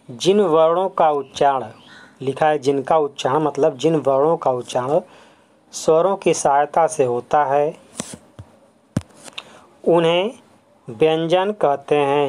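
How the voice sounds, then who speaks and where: Teacher, slow, careful delivery; repeats every term and checks the class with quick questions. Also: medium pitch, darkish tone. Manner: explains step by step, repeating each term; asks the class quick questions and answers them. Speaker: school Hindi teacher. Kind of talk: classroom lesson on letters and sounds.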